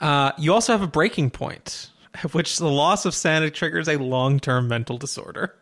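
A man's voice: on the high side, normal speed, a bit bright. A man running a tabletop game as game master, explaining rules with dry teasing asides.

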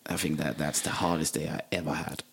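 A man's voice: a bass voice, level tone, fairly quick, creaky, husky. A man hosting a casual chat, swapping blunt, profane racing memories.

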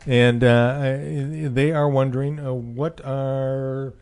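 A man's voice: medium pitch, flat delivery, slow pace, darkish tone, clear, resonant tone. A man hosting a casual talk radio program. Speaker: radio show host.

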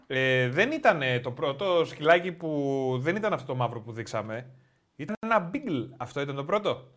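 A man co-hosting a casual football chat show, calmly explaining things to the host. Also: on the high side.

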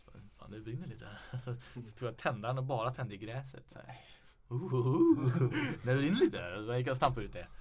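A man's voice: medium pitch, sing-song, few pauses. A young man hosting a podcast in a casual chat, telling stories laid-back and swearing freely. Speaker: podcast host.

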